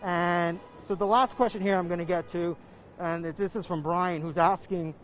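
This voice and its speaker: A man reporting live from the street, conversationally and haltingly answering viewer questions, slightly muffled by a face mask and breathing heavily. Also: high voice, faint music behind. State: breathing heavily in warm, humid air. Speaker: field news reporter. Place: outdoors on a city street during a march. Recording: outdoor street noise with traffic.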